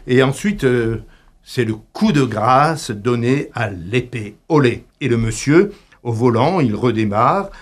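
A man telling a comic radio monologue as the show's columnist, staging a street quarrel like a bullfight with mock commentary, cries of olé and sly asides to the listeners. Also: medium pitch.

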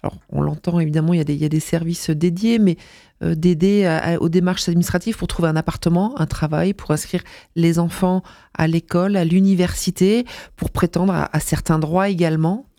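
A woman's voice: lowish voice, fairly even intonation, fairly quick, warm tone, no room sound, studio quality. A woman interviewing a guest, asking long, searching questions with some fillers.

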